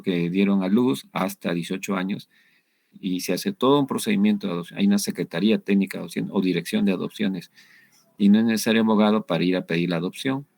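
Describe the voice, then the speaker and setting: A deep, gravelly man lectures on family law from slides. His voice is a little husky, and he talks in a chatty way that often ends with a quick "¿no?". The recording is close and dry. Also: a little mellow, dry recording. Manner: conversational, asks "¿no?" and "¿no es cierto?" often.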